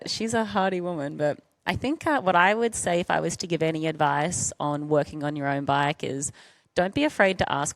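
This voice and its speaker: A woman's voice: low voice, dry recording, low-quality recording. A woman in her thirties, a professional racer, chatting frankly and easily on a live panel and laughing often. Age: 30s. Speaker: professional gravel racer guest. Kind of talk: casual panel chat.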